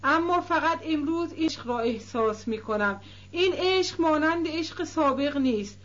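A woman's voice: high voice, animated, muffled recording. A woman reading as a rapturous young woman in love.

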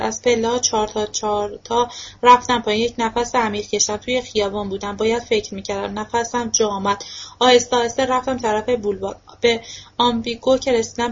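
A woman narrating a novel for an audiobook in a steady first-person voice. Her voice sits fairly high, and the recording is dull and muffled, as if lo-fi. She reads at an even, unhurried pace. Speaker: audiobook reader.

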